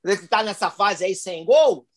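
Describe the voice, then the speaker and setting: A man joining a casual football podcast as panelist, animated and joking. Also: high voice, normal speed.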